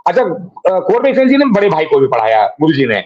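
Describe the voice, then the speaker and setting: A man's voice: fairly high pitch, wildly swooping pitch, brisk, darkish tone, lo-fi sound. A middle-aged man reminiscing casually as a guest, rambling and calling the host sir again and again. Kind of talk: casual reminiscing on a live online program.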